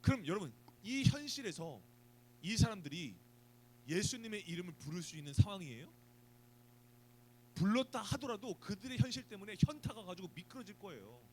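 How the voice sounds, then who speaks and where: Lively Korean youth preacher, animated. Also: male voice, sits high, fairly quick, slight background noise, low-quality recording. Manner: animated, asks the students questions, acts out scenes. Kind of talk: youth sermon. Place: church youth service.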